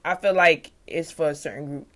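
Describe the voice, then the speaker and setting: Easygoing young woman host, lower voice. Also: a bit bright. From New Jersey. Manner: easygoing, teasing, quick to laugh along. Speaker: podcast host. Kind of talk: casual interview chat.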